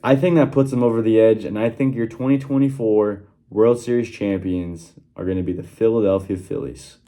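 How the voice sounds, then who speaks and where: A man's voice: fairly low pitch, fairly even intonation, normal speed, warm tone. A young man talking casually to his channel's viewers in a workroom, recorded on his phone, with many fillers and restarts. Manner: conversational, with frequent fillers and restarts. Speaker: channel host giving sports predictions. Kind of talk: casual one-take vlog talk. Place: small workroom at home.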